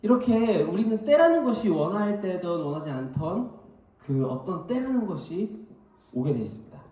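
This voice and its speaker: A man preaching a sermon as pastor, telling everyday stories in an animated way. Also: high-pitched, moderate pace. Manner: animated storytelling with anecdotes. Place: church hall. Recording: very echoey hall, mic at a distance.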